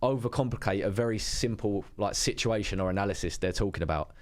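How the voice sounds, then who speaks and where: A man's voice: on the low side, fast. A young man hosting a casual football chat, hesitant and full of fillers. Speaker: podcast host.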